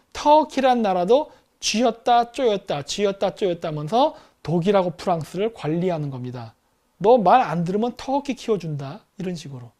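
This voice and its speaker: Middle-aged male host, high-pitched voice, lively commentary lecture, plays out dialogues. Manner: animated, acts out quoted exchanges between countries.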